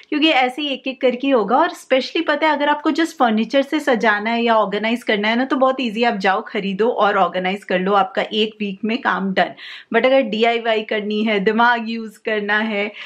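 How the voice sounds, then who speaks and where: Chatty woman vlogging at home. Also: mid-range voice. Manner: chatty, explains while cooking and cleaning. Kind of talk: casual vlog chat. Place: home kitchen and rooms, indoors.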